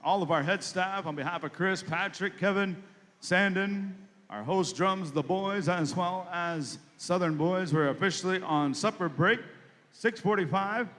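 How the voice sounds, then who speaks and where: A man with a high, fairly bright voice works as a powwow emcee, making live announcements over a PA in a large, reverberant arena. He's folksy and ceremonious, speaking directly to families and the crowd. The recording has the echoing sound of public address in a hall.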